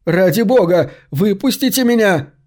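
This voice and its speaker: A man's voice: medium pitch, moderate pace, natural voice. A man reading the lines of a grown son with an everyday male voice. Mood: pleading. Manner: desperate, pleading shouts. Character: grown son, frantic then commanding.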